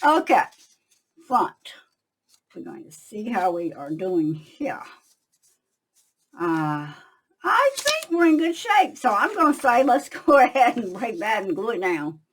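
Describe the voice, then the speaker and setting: An older woman, hosting a casual crafting tutorial from her craft shop, chatting to viewers as she works and going quiet while she concentrates. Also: fairly high pitch, sing-song, slow pace, pauses often, low-quality recording. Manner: chatty, talks to viewers while working, trails off when concentrating.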